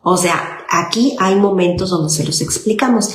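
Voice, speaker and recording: Psicóloga mexicana que explica con calma, sala con eco. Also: female voice, lowish voice, unhurried. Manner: explanatory, often checks in with "¿ok?". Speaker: child psychologist. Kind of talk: informal parenting talk. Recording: echoey room with faint noise.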